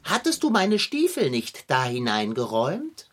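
A man's voice: mid-range voice, wildly swooping pitch, a little slow, fairly bright tone, exaggerated voice. A man voicing a pompous, grandiloquent male house cat in a children's audio drama, speaking in old-fashioned, lofty phrases. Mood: lofty, concerned.

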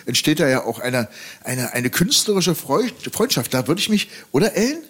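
A man hosting a radio studio session in casual interview talk, halting with many fillers and restarts. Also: fairly high pitch, big pitch swings. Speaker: radio host.

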